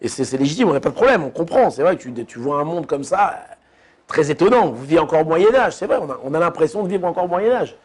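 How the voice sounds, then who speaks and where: A man's voice: fairly high pitch, animated, quick pace, husky. A man giving an informal religious lesson as a rabbi, who speaks in a chatty way and keeps asking his listeners questions. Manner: chatty, asks listeners questions, lots of restarts. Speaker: rabbi teaching a class.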